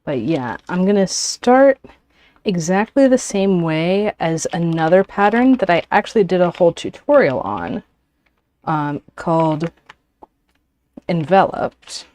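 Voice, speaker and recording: A woman hosting a casual livestream, chatting with pauses as she works and sounding a little out of breath. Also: on the low side, big pitch swings, darkish tone. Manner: unhurried, talks while working with frequent pauses. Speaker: origami livestream host. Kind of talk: casual livestream chat while folding.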